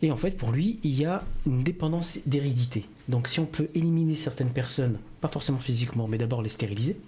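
A man's voice: mid-range voice, fast, dark tone, slight background noise. A man, a radio columnist explaining at length, with many fillers. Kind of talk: radio talk segment.

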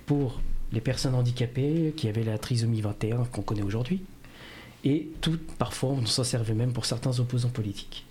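A man's voice: mid-range voice, brisk, a little mellow, slight background noise. Man explaining on the radio. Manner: explanatory, many "en fait" fillers. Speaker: radio history columnist. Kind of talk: radio talk segment.

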